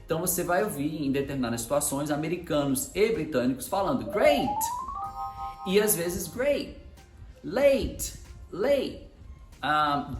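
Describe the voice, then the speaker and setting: A man with a Brazilian Portuguese accent teaching English pronunciation in a chatty, explanatory way, demonstrating words aloud. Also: on the high side. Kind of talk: online pronunciation lesson. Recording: echoey room, faint music.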